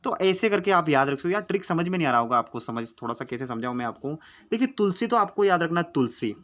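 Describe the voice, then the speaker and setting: A man's voice: on the high side, very animated, fast talker, fairly bright tone. A man teaching exam memory tricks in a chatty, coaxing way. He repeats his mnemonics over and over and keeps calling his viewers friend. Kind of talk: casual chatty Hindi lesson. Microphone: phone recording.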